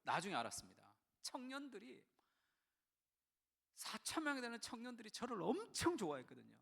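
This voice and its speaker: A middle-aged man preaching a sermon in a church, telling stories and acting out the voices he quotes, swinging between hushed and loud. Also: very high voice, wildly swooping pitch, a little fast, creaky, big-room sound. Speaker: pastor. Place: church sanctuary.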